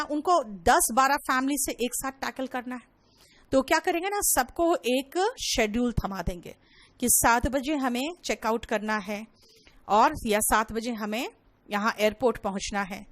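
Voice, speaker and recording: A young woman with a fairly high-pitched voice, recorded with no room sound, teaches an online English vocabulary class. She explains in Hindi mixed with English terms and calls her students "beta".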